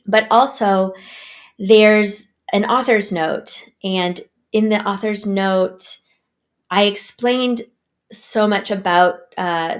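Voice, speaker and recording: Woman, guest author, slow and earnest, mid-pitched. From United States. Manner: earnest, measured, with pauses and restarts. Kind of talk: interview answers.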